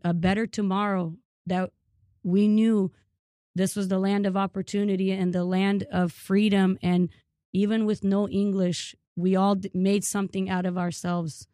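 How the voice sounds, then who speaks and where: A woman's voice: medium pitch, mellow, dry recording. Earnest woman in her 30s from ukraine, guest on a podcast, lots of ums and restarts, dead dry sound. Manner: earnest, frequent fillers and restarts. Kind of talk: casual interview.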